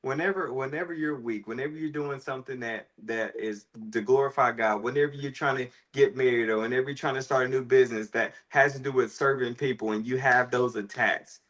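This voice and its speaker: A man co-hosting a casual faith and relationship talk show, telling stories with animated restarts. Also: mid-range voice, a little fast, hardly any pauses. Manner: animated storytelling, frequent restarts. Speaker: podcast co-host.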